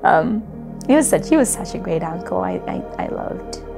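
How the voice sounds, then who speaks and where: Gravelly-voiced young woman telling her story. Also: lowish voice, animated, normal speed. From Democratic Republic of Congo. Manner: reflective, with frequent fillers and soft laughs. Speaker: interviewee. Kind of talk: personal storytelling. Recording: music playing underneath.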